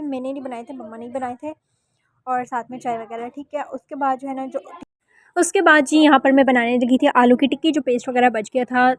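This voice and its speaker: A young woman chatting casually in a home vlog, talkative and quick to scold. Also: sits high, no room sound. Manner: chatty, scolds her sister loudly. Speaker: vlogger. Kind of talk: casual family vlog chat. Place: home indoors.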